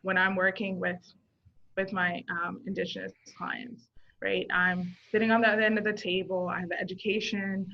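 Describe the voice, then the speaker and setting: Thinking out loud with frequent fillers, this guest, a social worker from Zimbabwe in her 30s, talks earnestly in a casual interview. She has a medium-pitched, creaky voice with little pitch movement and a moderate pace, captured in dull, lo-fi audio.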